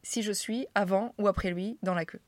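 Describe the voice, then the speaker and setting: A woman's voice: medium pitch, steady tone, moderate pace, dry recording. A young woman from France telling funny anecdotes to camera in a chatty, self-mocking way, with slang and frequent laughs. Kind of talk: casual storytelling to camera.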